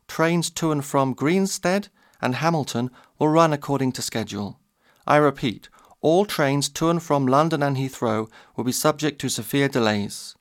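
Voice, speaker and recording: A man making a formal, steady scripted train station announcement. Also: mid-range voice.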